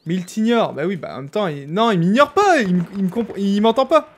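A young man from France giving casual, animated commentary as he streams a game. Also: high-pitched, brisk. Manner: chatty, animated, jokey, exclaims loudly. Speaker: gaming streamer. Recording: faint background noise.

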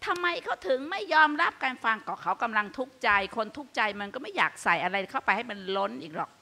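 An older woman hosting a radio show, giving earnest, animated Buddhist advice in a meditation hall. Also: on the high side. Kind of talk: dharma talk on live radio. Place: meditation hall with a live audience.

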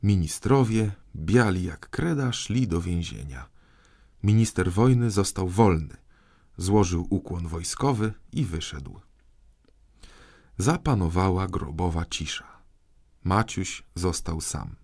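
A man reading a children's audiobook in measured, storytelling narration. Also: sits low, animated, gravelly, darkish tone. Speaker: audiobook reader. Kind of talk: scripted narration.

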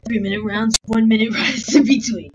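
A woman doing a gruff tough-guy dad. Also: on the high side, fairly quick, noisy background, pitched above the performer's own voice, natural voice. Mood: swaggering. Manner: deadpan tough-guy bravado. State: strains her throat doing the voice. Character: gruff tough-talking middle-aged movie-loving dad. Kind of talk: Let's Play voice acting.

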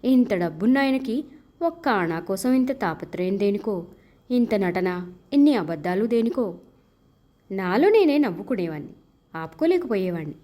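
A woman with a medium-pitched voice narrates a literary short story as an audiobook. Her storytelling is expressive and measured, and she gives each character's dialogue its own voice.

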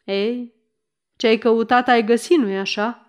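A woman's voice: on the high side, fairly even intonation, clean tone, close to an everyday voice. A woman voicing a shifty old male vagabond in an audiobook, giving curt, grudging answers. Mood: sneering. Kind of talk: audiobook reading.

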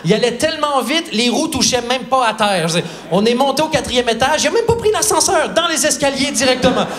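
High-voiced comedian telling a story. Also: male voice, animated, a little fast, fairly bright tone. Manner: storytelling, acting out the people he quotes. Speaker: stand-up comedian. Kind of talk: stand-up comedy set. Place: theatre stage before a live audience.

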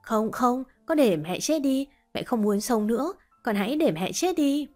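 A woman's voice: fairly high pitch, expressive, moderate pace, a little mellow, faint music behind, voice pushed up, close to an everyday voice. A woman voicing a desperate, grieving older mother who pleads through sobs. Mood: wailing. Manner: sobbing, pleading.

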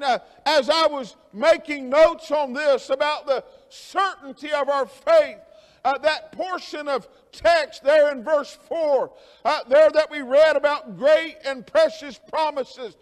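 A man preaching a sermon as pastor, slow and halting with many fillers and repetitions, rising to emphatic near-shouting. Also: very high-pitched, in a large hall. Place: church sanctuary.

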